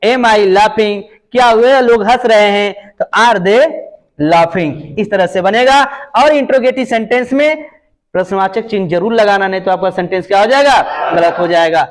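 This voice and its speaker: A man teaching English grammar in Hindi. He asks questions and answers them himself, and he says each English example sentence slowly. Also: sits high, low-quality recording. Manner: slow, drawn-out reading of English example sentences. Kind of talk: Hindi classroom-style grammar lesson.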